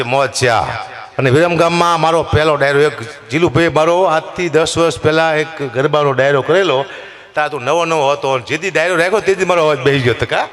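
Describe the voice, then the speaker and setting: A man doing folk stand-up comedy on a live stage, telling jokes and stories. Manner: animated storyteller, voice jumping high for punchlines. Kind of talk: Gujarati dayro stand-up storytelling.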